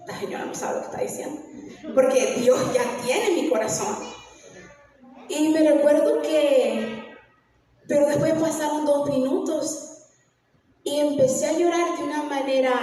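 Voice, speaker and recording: A woman's voice: high-pitched, warm tone, slight background noise. A woman in her twenties giving a sermon as a personal testimony, telling her story with feeling and slipping in English words. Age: 20s. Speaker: youth service preacher. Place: church sanctuary. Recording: echoey church hall from far off.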